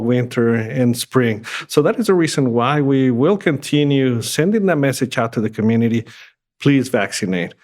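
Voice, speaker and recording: A man speaks as a health authority on a talk show. He is earnest and urges his listeners directly, with a voice of ordinary pitch. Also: a little mellow. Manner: earnest and urging.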